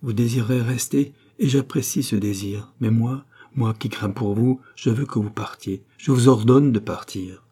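A man voicing a proud, anxious queen, dignified and commanding, in a low husky voice. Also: normal speed, few pauses, warm tone, close to an everyday voice.

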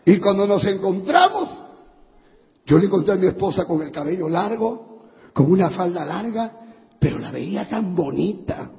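High-voiced impassioned preacher in a hall. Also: male voice, sing-song, moderate pace, gravelly. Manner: impassioned preaching with shouted praise. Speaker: pastor. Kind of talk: sermon. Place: large church hall. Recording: dull echoey church hall recording.

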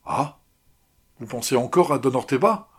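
A man's voice: mid-range voice, lively intonation, moderate pace, husky. A man voicing a brash male sailor who taunts his companion. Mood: mocking.

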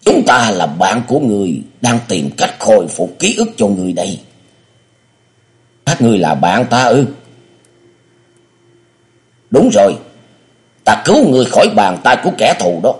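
A man's voice: fairly low pitch, huge pitch swings, moderate pace, pauses often, voice pushed up. A man voicing a scheming old male sect elder who coaxes and commands. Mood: coaxing, commanding. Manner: commanding, coaxing.

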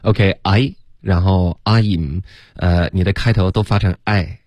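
A man coaching English pronunciation, patiently correcting sounds and repeating them slowly to model them, with English words mixed into his explanations. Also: low voice, steady tone, a little mellow, no echo.

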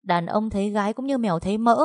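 A woman's voice: medium pitch, fast, no echo, studio quality, voice pushed up, close to an everyday voice. A woman voicing a brash young woman who mocks and talks back in a storybook reading. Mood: mocking. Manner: sarcastic, cutting.

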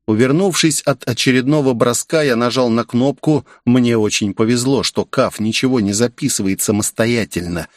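Man, audiobook narrator, first-person story, measured delivery, dry close recording. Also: mid-range voice, no echo.

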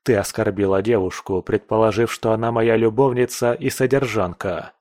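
A man's voice: on the low side, fairly even intonation, normal speed, a little mellow, no echo, clean studio sound, natural voice. A man playing a stern, cold aristocrat. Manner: curt, stern, threatening. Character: stern, cold aristocratic male lord and newspaper owner. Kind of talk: audiobook character voice.

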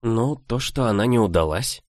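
A male narrator voicing a confused young woman heroine in an audiobook, speaking softly and uncertainly. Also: medium pitch, lively intonation, normal speed, no echo, voice pushed up, natural voice. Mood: unsure. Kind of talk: audiobook character voice.

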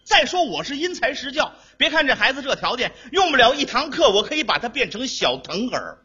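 A man leads a crosstalk comedy routine with playful, quick-witted patter. His voice is very high and lively, with a husky edge. The recording sounds dull and lo-fi. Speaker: lead comedian.

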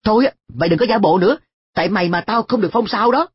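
A reader voicing an earnest schoolboy who scolds his friend in sharp, exasperated questions, in a story reading. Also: mid-range voice, animated, moderate pace, breathy edge, dry recording, lo-fi sound, pitched above the performer's own voice. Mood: scolding. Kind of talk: audiobook dialogue.

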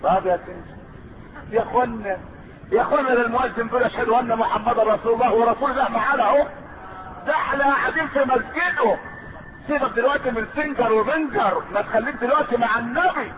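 A man with an Egyptian accent preaching an impassioned sermon, stretching phrases in chanted emphasis and breaking into shouts. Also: very high voice, a loud crowd. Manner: fiery, drawn-out chanting emphasis with sudden shouts. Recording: tinny, hissy old cassette recording.

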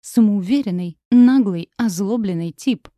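A woman's voice: medium pitch, fairly quick, mellow, dry recording, studio quality, lightly acted. A woman voicing a defiant, spoiled young lady. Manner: defiant, heated.

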